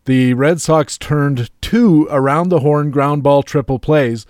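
A man hosting a radio talk show, telling an anecdote in a slow, deliberate way. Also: fairly high pitch, darkish tone, no room sound, studio quality. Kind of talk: casual radio chat.

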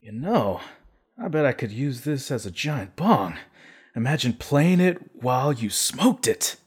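A man's voice: medium pitch, very animated, a little slow, husky, heavily acted. A man voicing a drowsy, dazed young stoner artist in an audiobook. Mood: spacey. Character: stoned young male artist, slow and spacey. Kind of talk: audiobook character voice.

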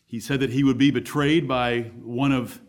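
A man's voice: mid-range voice, fairly even intonation, normal speed. A man preaching a sermon as pastor at a pulpit microphone, emphatic and blunt.

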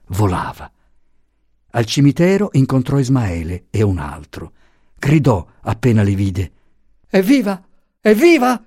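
Low guy reading a novel out loud, lively swoops, super dry sound. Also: no room sound. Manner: dramatic, unhurried reading. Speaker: audiobook reader. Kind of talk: scripted audiobook narration.

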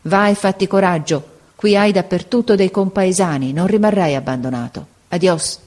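A woman voicing a kindly older man in a storybook reading, calm and compassionate. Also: fairly low pitch, normal speed, natural voice. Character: kindly older bearded man, Spanish-speaking.

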